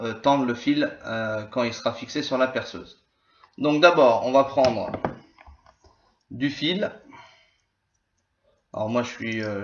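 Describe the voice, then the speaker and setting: Slow, hesitant man in an echoey room. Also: mid-range voice. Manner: slow, hesitant, many filler sounds. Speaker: vape gear reviewer. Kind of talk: casual tutorial. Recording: echoey room, dull lo-fi sound.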